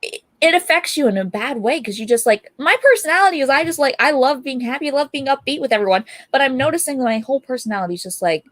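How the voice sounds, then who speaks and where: A young adult woman, a guest artist, telling animated and upbeat stories about her life in a casual interview. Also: high voice, fast, no echo.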